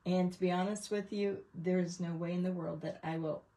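A woman hosts a craft livestream from an indoor craft table, with a lowish, dark, steady voice at a moderate pace. She rambles casually while showing her painting work.

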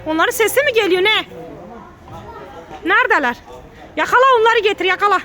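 Mom in her 30s telling off her kids, super high voice, fires off orders over and over. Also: pushed and bright, some chatter behind. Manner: scolding, repeating commands rapidly. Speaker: mother scolding her children. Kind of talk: family vlog, scolding kids on camera.

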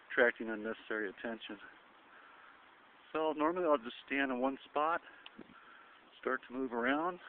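A man walking a rooftop at night, casually showing off security lights with lots of fillers and restarts. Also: mid-range voice. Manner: rambling, many fillers and restarts. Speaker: electrician demonstrating security lights. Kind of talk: casual walkthrough demo. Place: outdoors on a commercial rooftop at night. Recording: tinny lo-fi camera audio, noisy.

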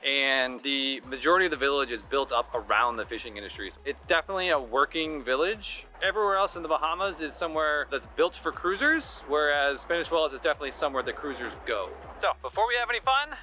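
A man's voice: on the high side, lively intonation, quick pace, few pauses, bright, forceful tone, a little hiss or hum. A man in his thirties vlogging outdoors with a camera at arm's length, upbeat and explanatory with dry humor. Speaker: travel vlogger. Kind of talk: casual vlog narration. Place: outdoors on a sunny island street. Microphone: handheld camera at arm's length.

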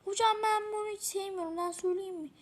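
A woman giving casual, excitable gameplay commentary, swearing often and talking to herself as she plays. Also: very high-pitched, fast. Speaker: gamer playing a mobile game.

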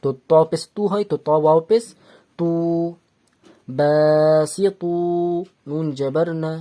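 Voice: mid-range voice, slow, mellow. A teacher giving a Quran reading lesson, patiently spelling out letters syllable by syllable and drawing out the long vowels. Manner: patient, repeats each step and checks understanding.

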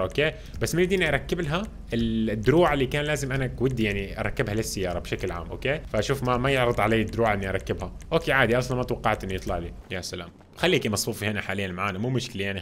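Rapid-fire excited male gamer. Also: medium pitch, slight background noise. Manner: excited, chatty, keeps addressing viewers as guys. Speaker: gaming channel host. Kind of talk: casual let's play commentary. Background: game sounds and music.

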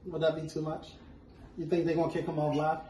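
A man's voice: a little high, completely flat delivery, quick pace, warm tone, recorded from a distance. A man joking around during a snack taste test and reading out viewer comments. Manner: playful, reads out live chat. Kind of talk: casual taste-test chat. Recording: echoey, off-mic with faint noise.

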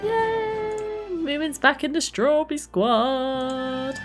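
A woman's voice: fairly high pitch, very animated, a little slow, over music. A woman streaming a life-simulation game, chatting casually and gushing thanks to her viewers. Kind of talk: casual gameplay live stream chat.

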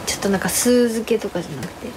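A hoarse young woman chatting casually on a live stream, bubbly and playful as she thanks viewers for gifts. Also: medium pitch, noisy background. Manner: playful exclamations and cute drawn-out reactions. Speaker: live streamer, former idol.

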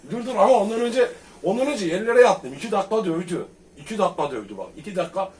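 A man's voice: high-pitched, expressive, fast, a little mellow. Boisterous man telling school stories. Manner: boisterous storyteller, laughs often. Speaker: comedian recalling school days. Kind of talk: casual reminiscing chat. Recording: distant mic, faint background noise.

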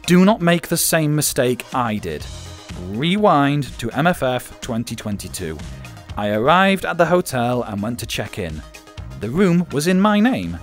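Lively man giving advice. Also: mid-range voice. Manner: lively, instructive, emphatic on key points. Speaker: channel host giving advice. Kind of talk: scripted guide narration.

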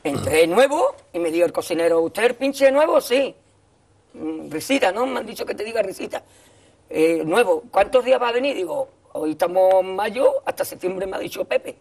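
A man's voice: high voice, animated, moderate pace, vocal fry, darkish tone, husky. A middle-aged man telling an anecdote as a guest on a TV talk show, acting out the dialogue he quotes. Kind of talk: anecdote told in a TV interview. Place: TV studio set with a desk. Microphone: desk microphone.

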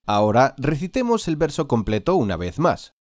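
A man leads a slow, patient lesson, drawing out each sound so the listener can repeat it. His pitch rises and falls a lot as he guides the drill. The recording is dry and close, with no room sound. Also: big pitch swings, darkish tone, dry recording. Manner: patient, drawn-out demonstration of sounds. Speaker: Quran recitation teacher.

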